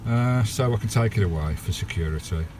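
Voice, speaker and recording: Speaking briskly and animatedly in a lowish voice, an English-accented man chats colloquially and matily to viewers while installing a radio in his parked campervan. Background noise comes through the handheld camera mic as he works in and around the van.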